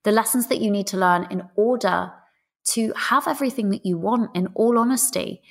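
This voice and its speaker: A woman's voice: medium pitch, normal speed. Cheeky British woman hosting a solo podcast. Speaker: podcast host and love coach. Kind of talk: solo podcast, chatty direct address to listeners.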